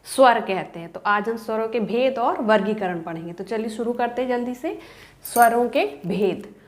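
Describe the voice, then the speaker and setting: Woman teacher with a high voice, quizzes the kids then answers herself, echoey room. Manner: asks the class questions and answers them herself; drags out example vowel sounds slowly. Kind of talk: Hindi grammar lecture to students. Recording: roomy echo.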